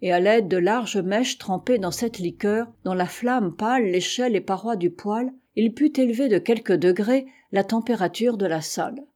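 A woman narrates a novel as an audiobook. Her voice is mellow and dark, and her reading is steady and measured. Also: medium pitch. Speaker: audiobook reader.

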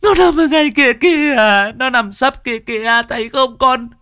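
Guy putting on a wailing old village mom, super high and shrill, keening, dry close sound. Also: normal speed, pushed and bright, clean tone, no echo. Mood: wailing grief. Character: wailing grief-mad old village mother.

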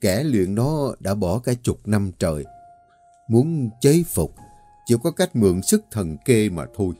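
Grave old male exorcist, low mellow voice, slow and authoritative, done by a man narrator. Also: animated, soft background music.

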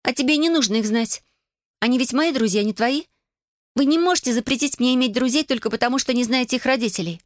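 A woman's voice: high-pitched, fast talker, dry recording, clean studio sound, voice pushed up, close to an everyday voice. A woman reading the part of a defiant teenage girl, protesting in a whiny, indignant way.

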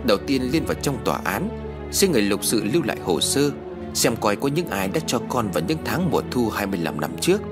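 A man reading a horror story aloud in a measured, expressive scripted narration. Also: medium pitch, over music.

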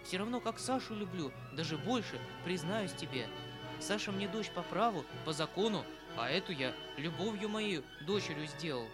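Fretful aging uncle, retired colonel, read by a man, rambling and pleading, soft music behind. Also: high-pitched, lively intonation, moderate pace. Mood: tender. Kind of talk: audiobook reading of a classic novel. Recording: faint background music.

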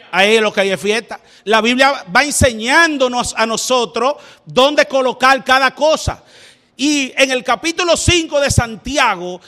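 A man preaching a sermon, asking rhetorical questions and building up to shouted, fervent passages. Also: very high voice.

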